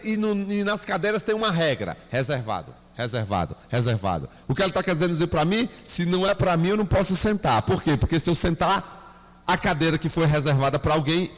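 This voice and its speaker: A man with a Bahian Portuguese accent teaching a Bible class, asking the class questions and acting out little scenes. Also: high-pitched. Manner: lively, asks the class questions, acts out scenes with his son. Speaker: church teacher. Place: church hall. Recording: reverberant church hall.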